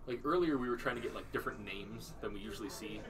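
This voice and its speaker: Young male co-caster, rapid, chatty, loud game store crowd behind. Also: on the low side. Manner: quick, casual, lots of "like". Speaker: tournament commentator. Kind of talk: live game commentary.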